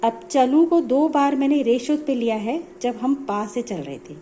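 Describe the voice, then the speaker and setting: A woman's voice: high-pitched, lively intonation, normal speed, warm tone, a little hiss or hum. A woman music teacher explaining notes step by step in a patient, repetitive way. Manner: patient, explanatory, repeats points.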